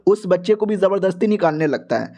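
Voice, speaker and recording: High-voiced man narrating an anime recap. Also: expressive, a little fast, dark tone. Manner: slangy, joking asides. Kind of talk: casual comic storytelling.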